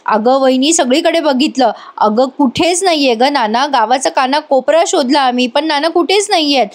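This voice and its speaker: A woman's voice: sits high, moderate pace, lightly acted. A woman voicing a worried young man reporting a missing elder in a soap recap. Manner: worried, pleading.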